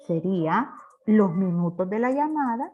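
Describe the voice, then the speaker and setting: A woman teaches a programming class step by step, speaking in a mid-range voice with lively intonation at a slightly slow pace. She is didactic and poses rhetorical questions as she explains. The online class audio is dull and lo-fi.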